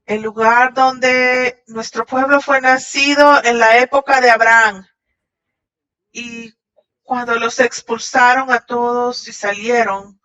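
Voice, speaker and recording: A woman voicing a Shabbat message in translation, halting at times and restarting. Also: fairly high pitch, fairly even intonation, pushed and bright. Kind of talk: translated sermon voice-over. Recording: dull lo-fi audio.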